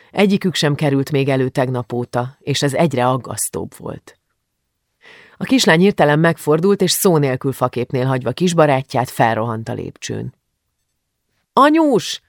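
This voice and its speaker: An audiobook narrator reading a novel in a calm, measured way. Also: medium pitch, vocal fry, no echo, studio quality. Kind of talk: scripted narration.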